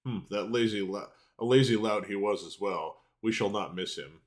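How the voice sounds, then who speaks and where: Man playing a low-voiced, grumbling mage's assistant. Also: normal speed, close to an everyday voice. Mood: gloomy, resentful. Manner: archaic, morose, long-winded. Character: grumbling male assistant to a mad mage. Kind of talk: game dialogue read aloud.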